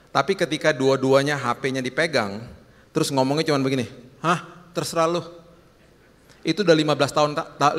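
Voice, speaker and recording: High-voiced pastor. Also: male voice. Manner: lively storytelling, acting out dialogue. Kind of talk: sermon. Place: church hall. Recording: long reverb in a church hall.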